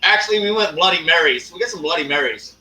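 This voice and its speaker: A man hosting a live stream, talking casually and ranting with lots of swearing and drawn-out fillers. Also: a little high, animated, bright, forceful tone, distant mic. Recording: echoey room, off-mic.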